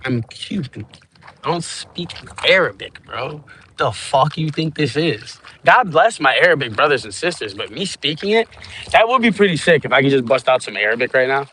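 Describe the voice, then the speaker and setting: This Cuban man's voice sits on the high side with big pitch swings, bright and forceful, at a normal speed, though the audio is poor with slight background noise. He's livestreaming from a small boat on open water, rambling, cursing, and bantering high with viewers over his phone.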